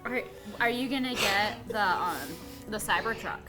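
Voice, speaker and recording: A woman's voice: medium pitch, moderate pace, music in the background. A woman interviewing a co-worker during a hot wings challenge, giggling often and asking one question after another. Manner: giggly, asks lots of questions.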